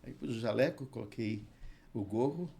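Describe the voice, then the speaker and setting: A man with a Brazilian Portuguese accent, a hospital chaplain and pastor, tells an earnest testimony in an interview and recites scripture slowly. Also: medium pitch, gravelly, dark tone, slight background noise. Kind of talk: emotional testimony in a podcast interview.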